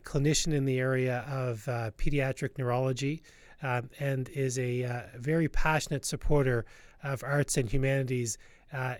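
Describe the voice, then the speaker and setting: A man's voice: medium pitch, no echo. A man hosting an interview podcast, speaking with many fillers and restarts. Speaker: podcast host.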